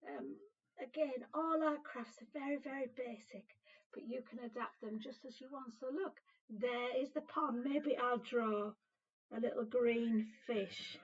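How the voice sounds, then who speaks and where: A woman with a British accent presenting a craft session for small children, talking in a gentle sing-song way with simple questions, as if reading to a toddler. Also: a little high, unhurried. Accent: British English. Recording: slightly dull lo-fi sound.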